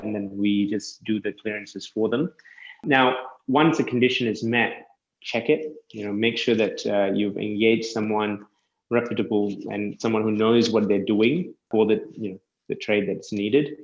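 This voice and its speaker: A man who works as a land surveyor, chatting casually and explaining things step by step with quick self-corrections. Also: fairly low pitch, fairly even intonation, roomy sound, highs cut off. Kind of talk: casual podcast chat.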